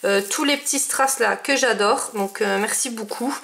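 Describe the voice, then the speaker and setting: A fairly high-voiced woman talks casually and at length, full of hesitations and restarts. A faint hiss and small clicks sit under her voice. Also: normal speed, a bit bright. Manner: chatty, many fillers and restarts. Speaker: scrapbooking vlogger. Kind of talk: casual chat showing mail.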